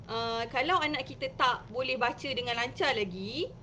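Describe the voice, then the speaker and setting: A Malaysian woman teacher talks viewers through reading with children in a high, bright voice. She is chatty and explains each step with lively emphasis. It is an informal live stream, not a polished lecture. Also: moderate pace, slight background noise.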